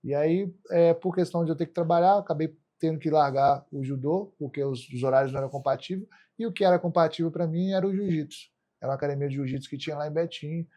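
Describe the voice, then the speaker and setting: A man's voice: on the high side, fast talker, few pauses, mellow. A Brazilian man, an athlete being interviewed as a podcast guest, talks colloquially about himself, often adding tags seeking agreement. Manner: colloquial, frequent tag questions seeking agreement. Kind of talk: casual interview storytelling.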